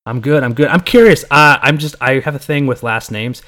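Man, podcast host, playful, laughs a lot, mid pitch, video call. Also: fairly quick, sharp tone. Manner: joking, laughs often. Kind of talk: casual video-call interview.

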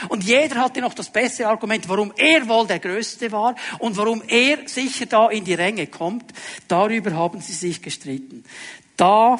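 A male pastor delivers a sermon in a voice that sits high, posing rhetorical questions to the congregation and dropping into quiet tones for emphasis.

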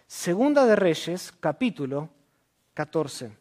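A man's voice: fairly high pitch, very animated, slow, a little mellow. A man, a church elder, preaching an expository sermon to a congregation, asking questions and answering them himself. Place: church service.

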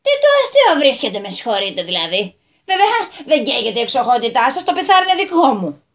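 A woman doing a fussy, flustered landowner. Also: fairly high pitch. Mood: indignant. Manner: flustered, excitable, bossy. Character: fussy, hot-tempered male landowner, middle-aged. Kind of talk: radio storytelling.

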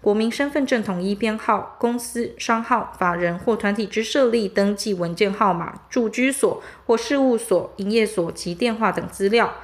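Female reader for legal statutes: mid-pitched, formal read-aloud, measured and methodical delivery of numbered clauses.

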